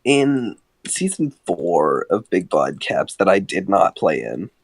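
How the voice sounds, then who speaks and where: A man's voice: sits low, big pitch swings, slow pace, creaky, no echo. A man co-hosting a podcast, telling stories in a casual chat. He laughs often and swears freely. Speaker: podcast co-host.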